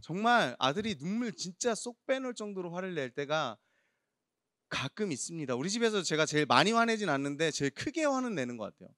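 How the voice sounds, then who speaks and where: A man's voice: high-pitched, very animated, fairly quick, no room sound, clean studio sound. A man in his thirties preaching a youth sermon in church, telling stories and asking the congregation questions. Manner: warm storytelling with audience questions. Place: church hall.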